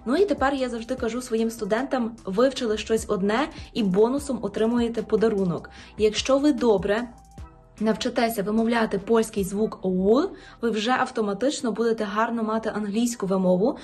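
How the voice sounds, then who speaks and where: Husky woman teaching pronunciation. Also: fairly high pitch, a little mellow. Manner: slow, drawn-out repetition of example words; clear instructional delivery. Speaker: Polish language teacher. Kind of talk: pronunciation lesson.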